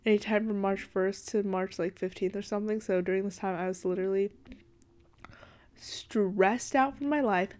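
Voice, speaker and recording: At a moderate pace and with fairly even intonation, a young woman hosts a casual podcast chat about her life, her medium-pitched voice a little mellow. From Washington state and slightly congested from allergies, she rambles and giggles through lots of "like" and "literally," sitting in her dark bedroom at night.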